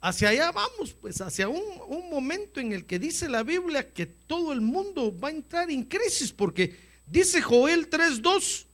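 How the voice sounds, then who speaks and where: High, lively-voiced male pastor preaching. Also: measured pace. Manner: animated preaching with direct address to listeners; humorous asides. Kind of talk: sermon. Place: church.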